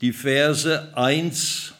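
A man preaching a sermon, reading scripture and putting questions to the congregation in a deliberate way. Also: a little high, steady tone, fairly bright tone. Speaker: pastor.

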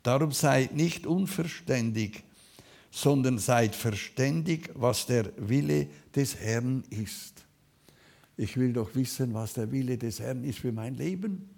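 Gravelly man preaching a fervent sermon. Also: mid-range voice, takes it slowly. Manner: fervent, swings between loud calls and quiet asides.

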